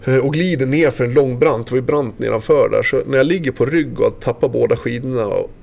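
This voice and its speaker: A man's voice: medium pitch, vocal fry, a little mellow. A man and former ski racer, casually retelling a story in a vivid, loose way with fillers and the odd curse.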